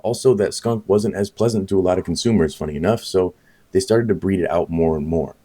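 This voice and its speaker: A man narrating a history in a steady, informative way, with light music behind. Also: sits low, fairly quick, slightly rough. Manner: informative storytelling. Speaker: host. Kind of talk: scripted narration.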